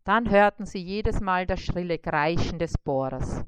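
Smooth-voiced woman reading a children's story. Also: on the low side, unhurried, no echo. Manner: calm, even reading of a children's tale. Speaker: narrator. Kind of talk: scripted storybook narration.

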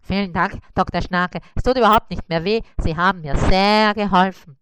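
A woman's voice: medium pitch, moderate pace, fairly bright tone, smooth, dry recording, close to an everyday voice. A woman doing a wailing, whiny cartoonish spider. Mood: relieved. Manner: moaning and wailing in pain. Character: whiny male cross spider, timid and self-pitying.

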